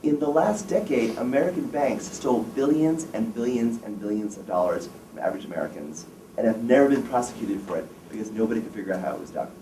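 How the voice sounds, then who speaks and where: A man in his fifties, president of a wealth management firm, gives students a blunt, opinionated career lecture and quizzes the audience as he goes. His mid-range voice is warm and animated, and he talks fast. He is far from the mic in an echoey lecture room, with faint background noise.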